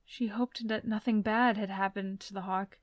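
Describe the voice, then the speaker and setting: A woman giving soft, gentle, unhurried storybook narration. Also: medium pitch, steady tone, no room sound.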